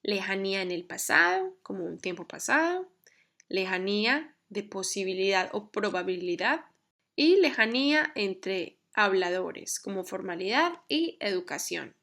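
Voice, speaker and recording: A woman teaching a grammar lesson, explaining carefully and reading example sentences slowly. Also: medium pitch, big pitch swings, a bit bright. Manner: measured, reads English examples slowly and carefully. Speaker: English teacher.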